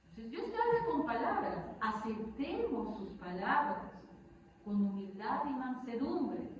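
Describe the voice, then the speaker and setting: A woman preaching a sermon, lively, asking the congregation rhetorical questions. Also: a little high, a little hiss or hum. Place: church hall. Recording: echoey hall, from far off.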